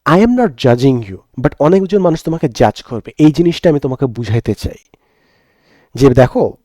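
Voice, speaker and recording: A man's voice: medium pitch, expressive, moderate pace, darkish tone, dry recording, studio quality. A young Bangladeshi man, a teacher, giving an earnest, reflective monologue and switching between Bengali and English mid-sentence.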